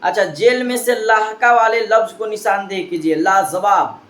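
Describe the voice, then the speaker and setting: Speaking at a moderate pace in a high, slightly bright voice, this male Urdu grammar teacher runs a quiz lesson, repeating what students answer and patiently prompting them through each point. Roomy classroom echo and faint noise sit behind him.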